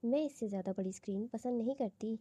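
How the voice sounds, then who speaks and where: A woman voicing a stubborn, sharp-tongued young wife who answers back with quick, defiant retorts. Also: on the high side, slightly rough, no room sound.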